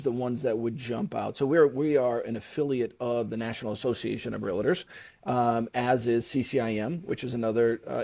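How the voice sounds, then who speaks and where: A middle-aged man talks through his points in a relaxed interview. His voice is gravelly with a dark, mellow tone. He pauses on fillers and restarts his sentences as he goes. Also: mid-range voice. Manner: explains at length with fillers and restarts. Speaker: guest, commercial real estate broker. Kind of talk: conversational interview.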